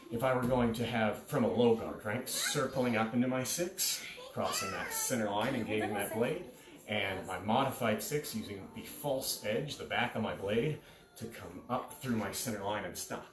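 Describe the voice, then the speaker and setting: Soft background music plays as a man in his thirties walks through fencing technique in a relaxed, informal teaching style. His voice is fairly low and his speed normal; the camera sits several steps away in a carpeted living room, giving a distant, echoey sound.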